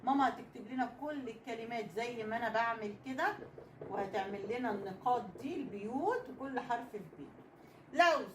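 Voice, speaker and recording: Egyptian woman teaching reading, echoey room. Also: on the high side. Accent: Egyptian Arabic. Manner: drawn-out letter sounds, patient repetition. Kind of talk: children's reading lesson. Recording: echoey room with faint noise.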